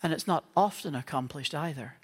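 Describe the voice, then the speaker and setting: On the high side and a little fast, this husky male voice fills a large hall. It belongs to a pastor with a Northern Irish accent preaching an earnest Christmas Eve sermon in a church auditorium, lightened by playful humor.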